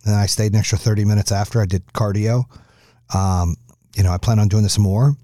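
A middle-aged man talks through a solo podcast episode in a blunt, cursing, rambling way, full of fillers and restarts. His voice sits rather low and sounds dark and mellow. He is recorded close to the mic in a dry, dead room. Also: steady tone, brisk, dry recording. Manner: blunt and profane, loose rambling with many fillers. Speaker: podcast host. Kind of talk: casual solo podcast talk. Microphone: close studio mic.

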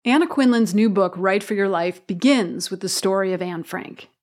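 A woman's voice: medium pitch, normal speed, darkish tone. A woman hosting a show, moving between scripted narration and interview questions. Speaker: show host.

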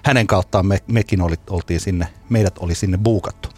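A man co-hosting a podcast, casually telling a long anecdote in a relaxed storytelling way. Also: low-pitched, husky, soft background music. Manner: relaxed storyteller, laughs at his own tale. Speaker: podcast co-host.

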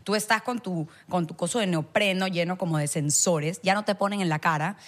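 A woman's voice: lowish voice, a little fast. A woman in her thirties from Guayaquil, Ecuador, with a Guayaquil accent, telling stories as a guest on a casual podcast and dropping English words into her Spanish. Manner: animated storytelling, mixes in English words. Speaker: guest actress. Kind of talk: casual chat.

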